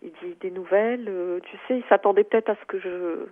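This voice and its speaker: A woman's voice: medium pitch, brisk. Hesitant woman caller on a phone line. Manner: hesitant, many fillers and restarts. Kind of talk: phone-in personal account.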